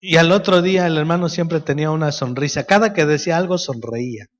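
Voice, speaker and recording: A man's voice: on the high side, quick pace. A middle-aged man with a Mexican Spanish accent, a pastor preaching a sermon, telling stories and addressing the congregation as brothers.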